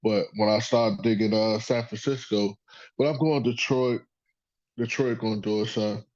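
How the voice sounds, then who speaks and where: A man's voice: on the low side, fairly even intonation, normal speed, darkish tone, dry recording. Man, casual sports talk host, rambling and profane, dry muffled call audio. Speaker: podcast host.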